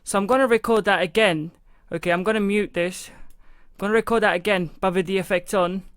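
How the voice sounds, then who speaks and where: A man with a high, clean, fairly bright voice speaks briskly in a steady tone, recorded dry. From his home studio he explains music production software step by step, casually and loosely, into a studio microphone on a recording channel. "You know" and "like" come up constantly.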